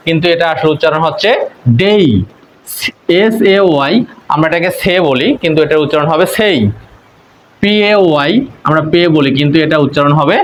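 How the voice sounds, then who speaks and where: Bangladeshi man, pronunciation teacher, slightly high voice, slow spell-and-repeat drilling. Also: a little hiss or hum, rough recording. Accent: Bangladeshi Bengali. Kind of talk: spoken-English lesson.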